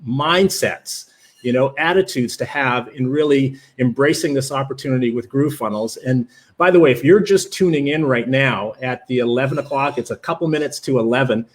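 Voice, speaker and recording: A livestream presenter born in Jamaica and raised in Canada, a man with a Canadian accent, hosts a live webinar at normal speed with a medium-pitched voice. He talks enthusiastically, using many fillers while greeting viewers from the chat.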